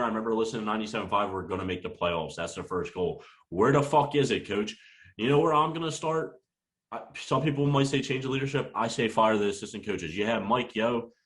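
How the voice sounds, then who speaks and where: A man's voice: lowish voice, fairly bright tone, rough recording. A young man co-hosting a sports podcast, ranting heatedly and cursing a lot as he runs down his team. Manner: heated, profane, rapid-fire ranting. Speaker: podcast co-host.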